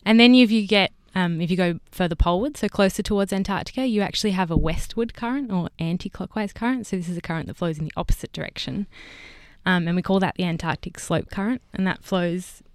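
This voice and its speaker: Speaking quickly in a smooth, fairly low voice, a young guest scientist explains science in a casual, off-the-cuff interview. She is a PhD candidate and fellow host of the show, and the recording is dry.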